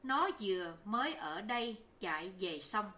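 A young servant girl stammers out her words in a breathless panic, as a woman reader puts her on. The voice is bright and tense. It sounds like a storybook reading. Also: mid-range voice, lively intonation, unhurried. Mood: insistent.

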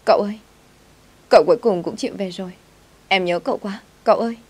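A woman's voice: mid-range voice, fast, darkish tone, slightly rough, lightly acted. A woman voicing a clingy, tearful young servant girl who whines and pleads. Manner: whiny, pleading.

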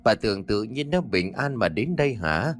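Narrator doing a grumpy elderly husband, quick to curse and defend himself; low, animated. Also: male voice. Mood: defensive. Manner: gruff, cursing, defensive. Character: cantankerous old man, henpecked husband.

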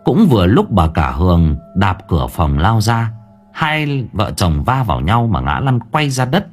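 A man narrating a ghost story in an expressive, dramatic way. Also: lowish voice, a little slow, faint music behind. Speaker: audiobook narrator.

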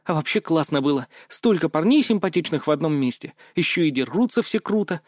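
A lively teenage girl, voiced by a man in an audiobook, teasing and chirpy. The voice sits high and bright, and the recording is dry and close. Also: brisk, dry recording. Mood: excited. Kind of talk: audiobook character voice.

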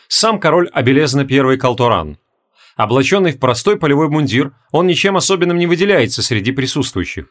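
A man narrating an audiobook with an expressive reading. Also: mid-range voice. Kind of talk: scripted narration.

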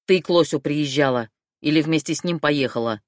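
A woman's voice: a little fast, no room sound, clean studio sound, close to an everyday voice. Woman voicing a jumpy hot-tempered young thug. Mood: yelling, furious. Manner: lowered voice, blurts, shouts when accused. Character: jittery scared young man, hot-tempered.

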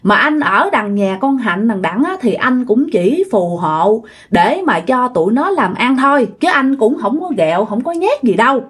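A woman voicing the kindly ghost of an old man, speaking softly and reassuringly. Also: on the high side, very animated, normal speed, few pauses, slightly rough. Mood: gentle. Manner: soft, reassuring.

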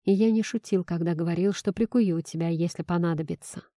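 A woman reading the part of a brooding, possessive young man who talks in a low, purring, menacing way. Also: a little fast, warm tone, no room sound, clean studio sound, close to an everyday voice. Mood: commanding.

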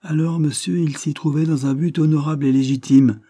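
A man's voice: mid-range voice, moderate pace, dry recording, studio quality, voice pushed up, close to an everyday voice. A man voicing an urgent, commanding old lord. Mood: indignant. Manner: insistent, rising to sharp emphasis. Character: aging dying English lord, urgent and commanding.

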